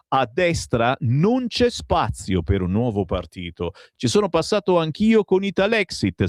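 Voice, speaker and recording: A man's voice: medium pitch, no echo, clean studio sound. Sarcastic radio press-review man. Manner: sarcastic asides between read headlines. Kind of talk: opinionated press review reading.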